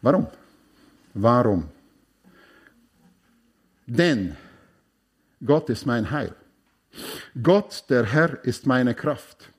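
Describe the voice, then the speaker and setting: A man preaching a sermon, emphatic and repeating key phrases, swinging between hushed and loud passages. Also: medium pitch, lively intonation, drawn-out words, pauses often, husky.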